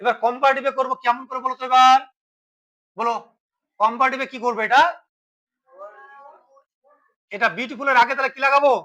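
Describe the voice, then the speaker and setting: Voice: high-pitched, level tone, quick pace, bright, forceful tone, poor audio. A teacher giving a classroom grammar lesson, asking questions and then answering them, and spelling words letter by letter.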